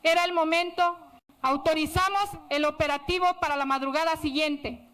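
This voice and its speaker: A woman telling a first-person story in steady, serious scripted narration. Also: high voice, normal speed.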